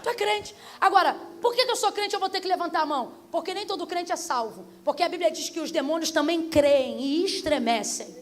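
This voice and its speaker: Young woman preacher, high voice, lively playful sermon delivery. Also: brisk, hardly any pauses, some chatter behind, a little hiss or hum.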